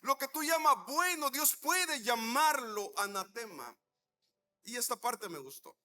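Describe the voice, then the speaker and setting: A man's voice: extremely high pitch, lively intonation, unhurried, bright, forceful tone. A man preaching a sermon, telling a story with acted-out dialogue and asking the congregation rhetorical questions.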